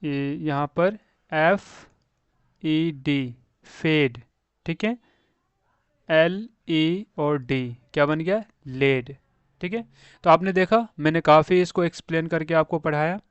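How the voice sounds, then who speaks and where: A man's voice: fairly high pitch, measured pace, smooth, dry recording. A young man with a Hindi accent teaching English reading, spelling words out letter by letter and repeating them for beginners. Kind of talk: slow spelling-out lesson.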